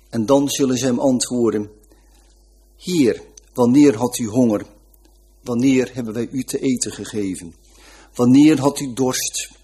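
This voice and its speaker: Husky earnest man reading a story. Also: mid-range voice, warm tone.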